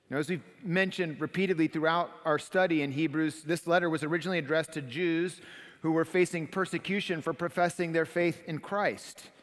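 Middle-aged male pastor, fairly high voice, expository with dramatic swells, sanctuary echo. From United States. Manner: expository preaching, dramatic swells when describing scenes. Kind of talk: sermon. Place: church stage behind a wooden pulpit. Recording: long hall reverb of a sanctuary.

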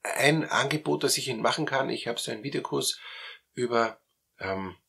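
A middle-aged man with an Austrian German accent, a coach explaining calmly with many fillers and repeated words. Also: mid-range voice, normal speed, gravelly, breathy edge. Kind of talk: explanatory talk.

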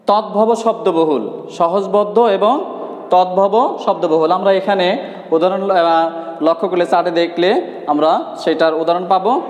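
A male teacher from Bangladesh giving a grammar lesson, repeating key points and asking the students rhetorical questions. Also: high voice. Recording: echoey room with long reverb.

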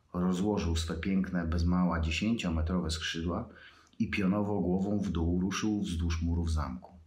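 Reading his own fiction, a man speaks in a very deep, somewhat dark voice, unhurried and measured with pauses between phrases. The room around him is echoey.

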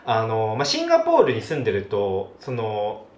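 Man from Japan, casual vlog, lively swooping pitch, chuckling, echoey room. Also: moderate pace. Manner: animated, demonstrates pronunciations, chuckles often. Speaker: vlogger. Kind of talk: casual talk to camera. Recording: echoey room, faint background music.

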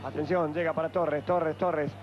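A man giving excitable, exclamatory live football commentary on an old TV broadcast. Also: fairly high pitch, moderate pace. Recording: dull, very noisy old TV broadcast. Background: roaring stadium crowd.

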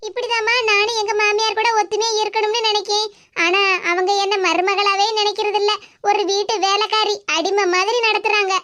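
A woman's voice: very high-pitched, flat delivery, a little fast, pushed and bright. A woman doing a meek tearful cartoon daughter-in-law. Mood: sad. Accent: Kanyakumari Tamil.

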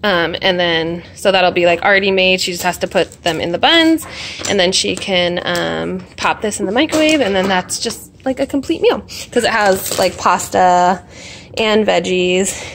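A young woman vlogger rambles casually in her kitchen at home about a grocery haul, filming on her phone and filling her talk with fillers and self-deprecating asides. Her voice is fairly low in pitch and a bit bright, at normal speed, with a little hiss or hum in the recording.

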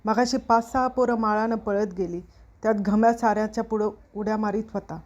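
Kondi, a woman voicing a calm village peacemaker. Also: medium pitch, muffled recording, natural voice. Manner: calm, measured speech.

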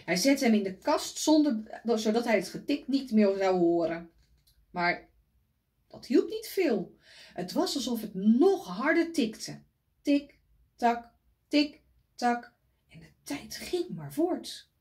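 A woman reading a picture book aloud to children, gently pointing out the pictures as she goes. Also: on the high side, sing-song, a little slow.

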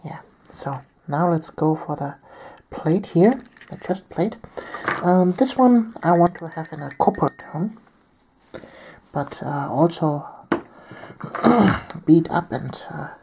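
A woman from Germany, talking softly through a painting tutorial while she has a cold and keeps clearing her throat. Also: low voice, animated, slow pace, slight background noise. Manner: soft-spoken, often near a whisper. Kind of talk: step-by-step tutorial narration.

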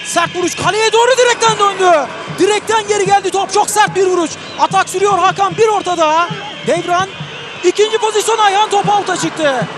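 A man's voice: extremely high pitch, a little fast. Screaming male football commentator over crowd roar. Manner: screaming excitedly on big chances and goals. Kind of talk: live play-by-play commentary. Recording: loud stadium crowd and noise throughout. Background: roaring football stadium crowd.

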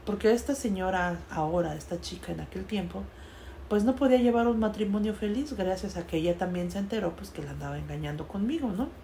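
A Mexican woman telling a personal story in a casual, conversational way, with frequent fillers and a voice that trails off softly. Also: medium pitch, a little fast, slight background noise. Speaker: storyteller sharing a personal experience.

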